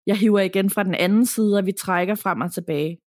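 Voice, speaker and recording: A woman reads a listener's letter aloud for a podcast in a calm, even storytelling voice. Her pitch sits in the middle for a woman. The recording is close and dry. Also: no echo.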